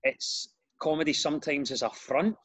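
A Glaswegian comedian in his thirties, from Scotland, chats casually as a guest and tells self-deprecating stories. His voice is a little high and a bit bright, at a normal speed.

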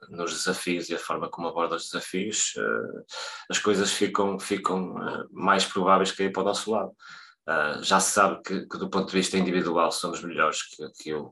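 A man with a Portuguese accent, a panelist giving casual football analysis in halting, reflective phrases with frequent restarts. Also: sits low, pushed and bright.

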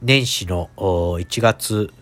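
A man's voice: deep voice, slow, fairly bright tone, soft background music. A man hosting a casual solo podcast in a stuffed-up, nasal voice, talking in a hesitant, rambling, apologetic way. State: congested nose. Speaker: podcast host.

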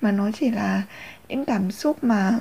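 A woman's voice: mid-range voice, slow pace, vocal fry, dark tone, husky. A young woman, rambling candidly in a casual confessional vlog. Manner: rambling, many fillers and restarts, candid. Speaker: vlogger.

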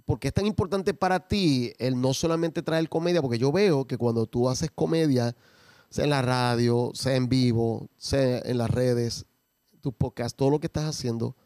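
A man, a comedian talking casually and reflectively with frequent pauses. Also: mid-range voice, mellow, no room sound, clean studio sound. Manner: measured, pauses often, reflective. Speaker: comedian and character performer. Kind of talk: casual conversation.

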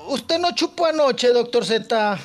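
This man has a very high-pitched, expressive, unhurried voice and a Mexican Spanish accent. A regular on a radio show, he dishes out comic gossip in a flamboyant, teasing way, calling others "chiquito."

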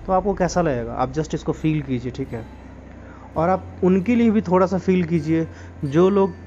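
A man's voice: on the high side, mellow. Earnest Hindi-speaking man, lo-fi. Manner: earnest, moralizing, asks many rhetorical questions. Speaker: podcast host. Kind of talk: casual spoken monologue.

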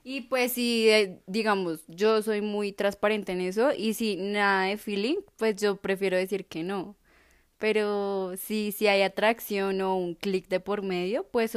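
A woman co-hosting a podcast, speaking casually in a blunt, emphatic and joking way. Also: mid-range voice. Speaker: podcast co-host. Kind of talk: casual chat.

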